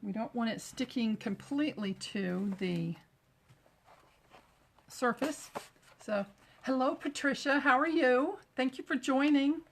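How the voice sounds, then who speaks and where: A woman's voice: high-pitched, slow, long pauses, slight background noise. Chatty Texan woman demonstrating crafts live. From Texas, USA. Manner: chatty, greets viewers while working with her hands. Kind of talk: live-streamed craft demo.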